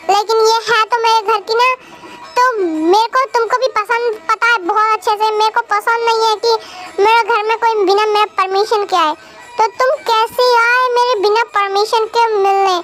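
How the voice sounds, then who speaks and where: A cold rich young boss snaps out harsh, rapid scolding, with a woman putting him on. The voice stays very high, lacking the depth of a grown man. It has the sound of a homemade fan audio drama. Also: fairly bright tone.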